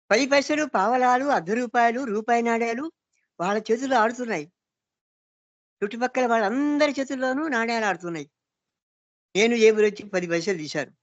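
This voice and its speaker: A woman's voice: mid-range voice, no room sound. Earnest woman storyteller, muffled recording. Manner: reflective, earnest, with rhetorical questions. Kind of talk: first-person story narration.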